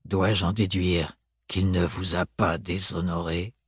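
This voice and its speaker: A man's voice: low-pitched, little pitch movement, slow, slightly rough, no room sound, clean studio sound, pitched below the performer's own voice, exaggerated voice. A man voicing a tall, stern and cold nobleman in an audiobook, curt and hard in his delivery. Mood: stern, low.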